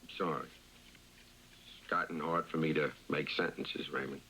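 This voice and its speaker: An actor playing a talking adult male orangutan in a 1980s sitcom, slow, wry and deadpan. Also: very deep voice, a little hiss or hum, full character voice, low-quality recording.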